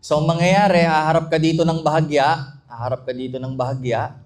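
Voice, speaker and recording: A man hosting a live event, teasing the guest in a playful, drawn-out way. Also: fairly high pitch, steady tone. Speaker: event host. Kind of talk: emcee talk mixing Tagalog and English.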